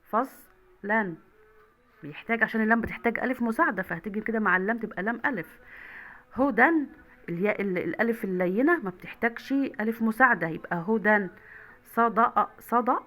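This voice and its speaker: A young woman with an Egyptian accent teaching an online Arabic lesson to primary school children, repeating words slowly and clearly. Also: on the high side, fairly bright tone.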